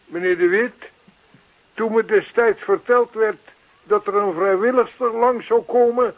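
In a radio play, an actor with a high-pitched voice portrays an earnest, lonely old widower. The older man is talkative and old-fashioned, repeats himself, and the sound is phone-quality.

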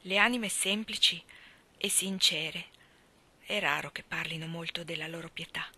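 A woman reading a classic novel aloud, with measured, expressive storytelling. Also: on the low side, breathy edge. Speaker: reader.

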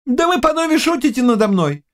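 A frantic young manservant yelps in a high, thin voice, rushing his words in a panic. His pitch leaps around wildly from line to line. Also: sing-song. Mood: bewildered. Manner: shrill, panicky, rushed. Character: frantic young male servant. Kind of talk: audiobook character voice.

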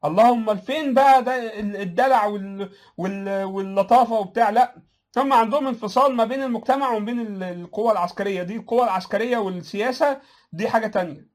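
Fast, sarcastic Egyptian man. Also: sits high. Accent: Egyptian Arabic. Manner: sarcastic, laughs at his own points, many restarts. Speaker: commentator answering viewer comments. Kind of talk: casual political commentary.

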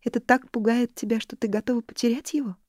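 A woman voicing a gentle, affectionate female friend in an audiobook, speaking in a soft, raised, tender tone. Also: on the high side, fairly even intonation, quick pace, no room sound, studio quality, pitched above the performer's own voice, close to an everyday voice. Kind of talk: audiobook character reading.

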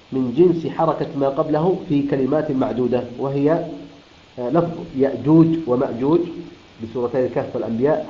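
A man teaching Quran recitation rules, explaining step by step, repeating terms and answering his own questions. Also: medium pitch. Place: room of a Quran school. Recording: roomy, dull lo-fi room recording.

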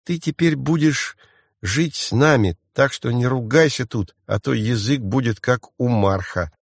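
A man's voice: mid-range voice, measured pace, gravelly, dry recording, studio quality. A man reading an audiobook voices a small, stubborn little girl who bosses and scolds. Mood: scolding. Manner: bossy, scolding, matter-of-fact.

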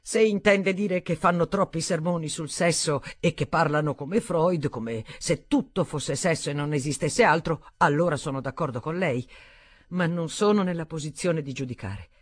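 A woman's voice: low-pitched, normal speed, no echo. A woman reading the part of a stubborn, earnest young man in an audiobook, speaking firmly with restrained anger. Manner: firm, blunt, restrained anger.

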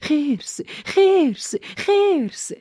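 A woman voicing a terrified young woman stranded alone on arctic ice, pleading and shouting in panic. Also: sits high, sing-song, no echo, clean studio sound, voice pushed up.

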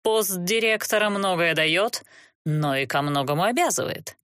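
Woman doing a stuck-up male sorcerer, drops her voice low and slow, dry close sound. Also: lively intonation, fairly bright tone, clean tone, no echo. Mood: lofty. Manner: lofty, preachy. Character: pompous middle-aged male sorcerer.

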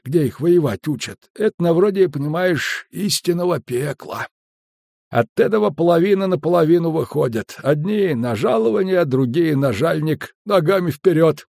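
A man doing a folksy old-style barge skipper, raised and lively. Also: high-pitched, gravelly, no echo, clean studio sound, voice pushed up, full character voice. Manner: folksy rambling storyteller. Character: chatty rustic male barge skipper.

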